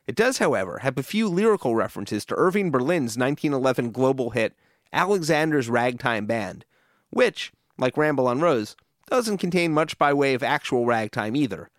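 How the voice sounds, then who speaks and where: A man's voice: mid-range voice, very animated, moderate pace, no echo, studio quality. A man reading scripted documentary narration as a podcast host.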